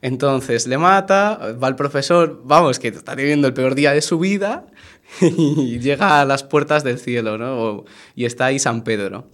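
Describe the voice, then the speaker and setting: A man's voice: mid-range voice, moderate pace, a bit bright. A man from Spain chatting casually, laughing as he tells a long joke to a co-host. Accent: Spain Spanish. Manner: playful, laughing storyteller. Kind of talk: casual chat, telling a joke.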